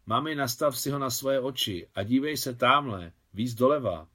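A man's voice: mid-range voice, expressive, bright, forceful tone. A man reading the lines of a grown daughter in a novel, light and conversational. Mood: gentle.

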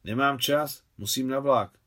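A shy, hesitant young woman played by a male audiobook narrator. The voice is raised well above the reader's low natural pitch and stays timid and quiet in manner. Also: close to an everyday voice.

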